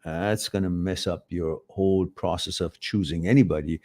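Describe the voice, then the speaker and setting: Reading viewer questions on his live advice stream, a middle-aged Iranian host speaks Farsi in a low, darkish voice. His intonation is fairly even and his pace moderate, though he rambles and keeps correcting himself.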